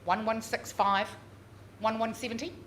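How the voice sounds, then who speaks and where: A woman working as a real estate auctioneer, calling bids live with drawn-out repeated figures and chatty coaxing of bidders. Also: on the high side, steady tone, a bit bright. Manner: drawn-out, repeated bid calls. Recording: noisy live auction room.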